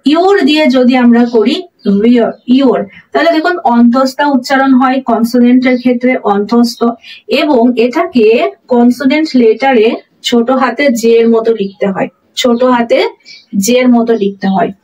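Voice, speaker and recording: Woman teaching pronunciation, slow repeated examples. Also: on the high side, darkish tone, distant mic, poor audio. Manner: repeats example words slowly and deliberately. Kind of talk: explaining pronunciation in a lesson.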